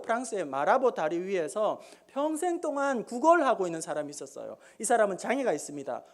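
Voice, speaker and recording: A male pastor preaches in a church, bringing folk tales and parables to life with acted-out voices. His pitch rises and falls in a lively way throughout the telling. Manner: animated storytelling with acted-out voices. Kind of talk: sermon. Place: church sanctuary.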